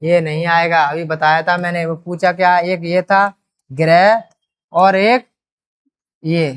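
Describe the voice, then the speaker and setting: A woman's voice: fairly low pitch, steady tone, takes it slowly, clear, resonant tone. A woman teaching a grammar exam-prep lesson, addressing students fondly and drawing out repeated words as she works through each question.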